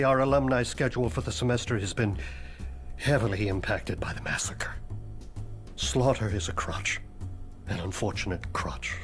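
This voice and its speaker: A man's mid-range voice, close to how he'd normally talk, portrays the ghost of a dead male school headmaster. Formal and morbidly deadpan, he drops to a whisper at times, and music plays behind this video game cutscene.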